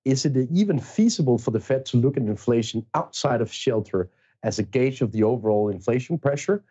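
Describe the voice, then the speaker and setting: A man's voice: medium pitch, animated, brisk, warm tone, breathy edge, dull audio. A man from Denmark hosting a podcast, who frames his questions at length before asking them. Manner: long, thoughtful framing of questions. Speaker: podcast host. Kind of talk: interview questions.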